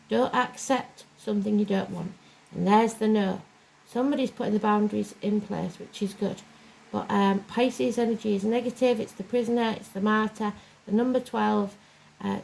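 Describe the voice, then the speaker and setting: A woman talks over the faint noise of a fan as she gives a casual horoscope reading. Her voice sits a little high and often turns gravelly with fry. She rambles in a plain-spoken, self-deprecating way. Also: mellow, low-quality recording. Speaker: tarot and astrology reader, host of a weekly zodiac reading. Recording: clear fan noise behind the voice. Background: whirring fan.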